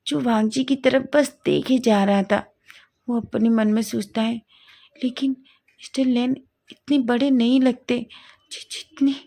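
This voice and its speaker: A woman's voice: a little high, a little mellow. A woman narrating a fan story in a plain retelling manner, often correcting herself mid-sentence.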